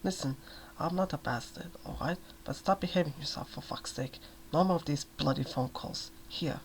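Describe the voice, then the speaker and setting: A quiet, menacing young man, as a male reader puts him on, cold and dismissive, talking soft and low. The voice sits slightly high with a gravelly edge. It is a soft-spoken ASMR reading with a faint hum behind it. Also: normal speed. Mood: hard, dismissive.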